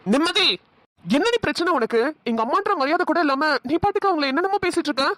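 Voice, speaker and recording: A performer voicing a sensible young husband in a cartoon, laying out his reasoning quickly. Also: medium pitch, fairly bright tone, dry recording, natural voice. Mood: scolding. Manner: quick, explaining. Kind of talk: cartoon voice acting.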